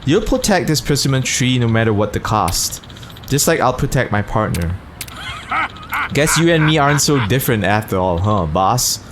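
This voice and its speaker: A man's voice: medium pitch, big pitch swings, normal speed, noisy background, close to an everyday voice. A man voicing a solemn, respectful sumo wrestler as he reads video game dialogue aloud.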